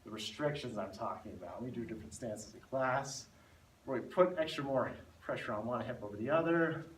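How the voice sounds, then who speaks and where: A man's voice: mid-range voice, brisk. A man teaching a spinal stability class, explaining and demonstrating the exercises while a little out of breath. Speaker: instructor. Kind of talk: fitness class instruction. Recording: echoey room, mic far off, faint noise.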